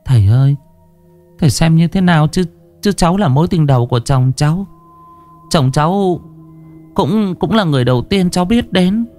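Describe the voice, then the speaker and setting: A man's voice: a little high, lively intonation, normal speed, pauses often, darkish tone, soft background music, pitched above the performer's own voice, natural voice. A man doing a stammering, panicked young wife. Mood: pleading. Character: frightened young daughter-in-law.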